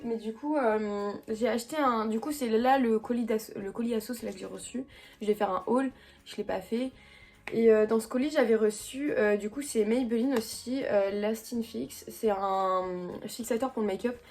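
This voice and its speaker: A young woman talks through her makeup routine in a loose, slangy ramble full of fillers and self-corrections. Her voice sits a little high. Soft music plays faintly behind her camera-mic recording at home. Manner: chatty, slangy, rambling with many fillers and restarts. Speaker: beauty vlogger. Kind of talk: casual makeup vlog chat.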